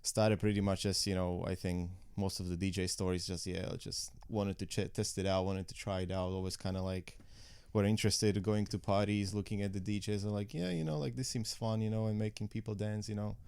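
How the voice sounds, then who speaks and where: A man's voice: lowish voice, level tone, fairly quick, creaky, few pauses, darkish tone, clean tone. A man in his late twenties from Slovakia, speaking English as a second language, chatting casually as a DJ guest with many "you know" fillers. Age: late 20s. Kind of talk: casual podcast interview.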